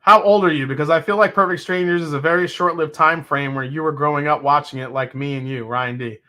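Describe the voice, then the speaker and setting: This host of a whiskey tasting show is a chatty man in his forties whose bright voice runs a little high. During a casual live tasting, he reads viewer comments, thinks aloud, and lets out quick, excitable exclamations.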